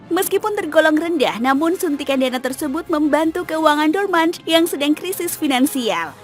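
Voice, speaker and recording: A woman with a high voice reads a scripted football explainer in a steady, informative way. Faint music sits underneath her narration. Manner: steady, informative read-aloud delivery.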